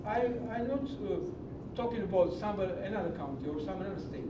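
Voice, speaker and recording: A man's voice: lively intonation, fairly quick. Impassioned man in echoey hall. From Greece. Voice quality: broken English, passionate and preachy. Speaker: public commenter. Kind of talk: public comment at a county meeting. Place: large meeting hall. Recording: echoey hall from far off with low rumble.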